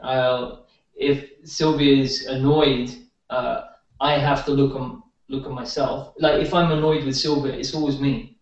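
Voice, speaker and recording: A man's voice: mid-range voice, level tone, measured pace. A man who works as a healer, chatting in an interview, telling anecdotes with hesitant restarts, recorded as a distant, echoey, slightly dull sound. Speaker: energy healer guest. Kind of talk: casual interview chat.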